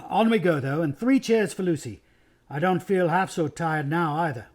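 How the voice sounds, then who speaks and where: A man reading aloud, voicing a brisk, commanding eldest brother and king in a storybook reading. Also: a little high, close to an everyday voice. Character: boy high king, brisk and bossy.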